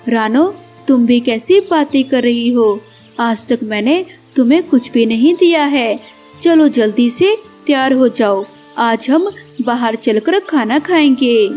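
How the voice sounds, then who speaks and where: A woman's voice: on the high side, lively intonation, takes it slowly, darkish tone, soft background music, pitched below the performer's own voice. A woman voicing a kind young male husband bird in a cartoon, talking in an affectionate, coaxing way.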